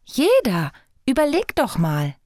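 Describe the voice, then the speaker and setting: A woman's voice: on the low side, very animated, slow, no echo, clean studio sound, full character voice. A woman voicing a kind, curious star fairy who talks in a friendly, coaxing way.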